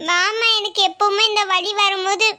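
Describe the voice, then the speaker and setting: Woman voicing a cartoon young wife, squeaky high, sharp, whimpering, pleading. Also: flat delivery, no room sound, clean studio sound. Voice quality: very high, bright, childlike.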